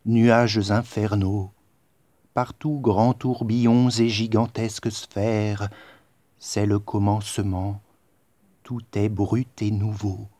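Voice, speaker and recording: A poet recites his own poem in a solemn, declamatory style, very slow and measured, with short phrases separated by pauses. His mid-range voice sounds dark and mellow. The sound is close and dry, with no echo.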